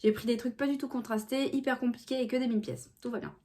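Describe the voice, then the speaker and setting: A woman's voice: fairly high pitch, fairly even intonation, fast, noisy background. A woman talking casually in a vlog, chatty and rambling, with many fillers and restarts. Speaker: vlogger.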